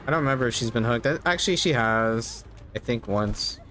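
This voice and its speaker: A man's voice: mid-range voice, a little fast, pushed and bright, soft background music. A man in his thirties giving casual live gameplay commentary, easygoing and musing to himself as he plays. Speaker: game streamer. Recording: clear background game noise. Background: game ambience.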